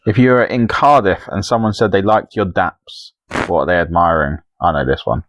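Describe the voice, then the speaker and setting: Deep-voiced teasing male co-host. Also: fairly even intonation, moderate pace, a bit bright, no echo. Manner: teasing, jokey. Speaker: podcast co-host. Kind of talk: casual chat, running a quiz.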